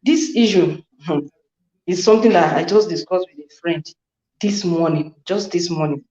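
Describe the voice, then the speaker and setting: A woman caller from Nigeria talking on speakerphone from work, telling her story in a halting, hesitant way. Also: lowish voice, mellow. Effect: on speakerphone, echoing. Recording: echoey, muffled phone line.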